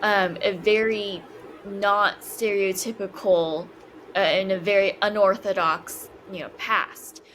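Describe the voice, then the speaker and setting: A woman's voice: mid-range voice, fairly even intonation, slow pace, a bit bright, slight background noise, poor audio. A woman in her twenties, a podcast guest, talking hesitantly with many fillers and restarts. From China. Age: 20s. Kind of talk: casual interview conversation.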